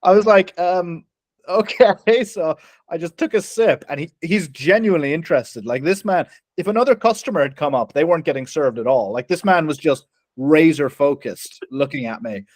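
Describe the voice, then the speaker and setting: An Irish man co-hosting a podcast, telling animated stories, acting out quotes and swearing freely. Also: fairly high pitch, moderate pace, no echo. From Ireland. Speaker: podcast co-host. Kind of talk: casual storytelling chat.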